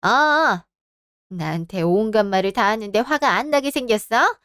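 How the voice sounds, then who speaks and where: A haughty, scolding mother-in-law, as a woman voices her in a radio drama. Her voice sits high and sharp, full of offended pride. It is recorded dry and close, with no room sound. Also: animated, normal speed, clear, resonant tone, no room sound. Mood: indignant. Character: indignant middle-aged mother-in-law, shrill and scolding.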